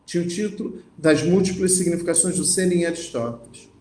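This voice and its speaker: A man's voice: on the high side, fairly quick, a little mellow, reverberant. A man lecturing on philosophy, reading passages aloud and then explaining them, often checking in with the listeners. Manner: reads passages aloud, then comments with frequent "né?" and restarts.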